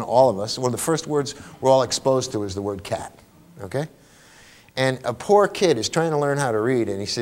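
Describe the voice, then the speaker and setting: A man giving a lively workshop talk to teachers, asking rhetorical questions and checking in with the room. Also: mid-range voice. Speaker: teacher trainer.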